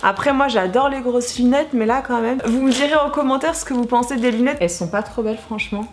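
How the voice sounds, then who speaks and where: A woman's voice: fairly high pitch, quick pace. A woman in her thirties chatting casually and enthusiastically as she unboxes beauty products, gushing over each one. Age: 30s. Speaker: beauty vlogger. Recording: echoey room, faint noise.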